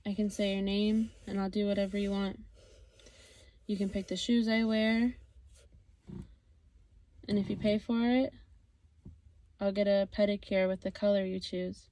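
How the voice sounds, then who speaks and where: A soft-spoken woman doing a casual ASMR pretend drive, talking straight to the viewer on a phone inside a car. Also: mid-range voice, level tone, measured pace, pauses often. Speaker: video creator hosting a pretend drive. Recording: noisy handheld phone recording, clicks.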